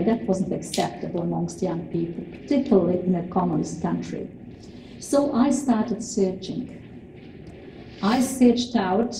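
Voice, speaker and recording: Older woman from Serbia, slow and earnest class presenter, mellow tone, recorded from far back in a roomy hall. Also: medium pitch, slight background noise. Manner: slow, earnest, with frequent pauses. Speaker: cooking demonstrator. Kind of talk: informal talk to a class. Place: large plain hall with kitchen tables.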